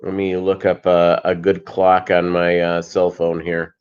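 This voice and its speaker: This fishkeeping livestream host chats loosely with his viewers, meandering as he reads and responds to their comments. His deep, smooth voice is completely flat and a little slow, and the recording sounds muffled.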